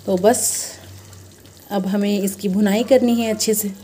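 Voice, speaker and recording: Chatty woman cooking, mellow voice. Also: mid-range voice, steady tone, unhurried, a little hiss or hum. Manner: chatty, addresses viewers as friend, step-by-step explaining. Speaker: cooking channel host. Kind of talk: casual cooking demonstration. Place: home kitchen at the stove. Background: frying and sizzling from the pan.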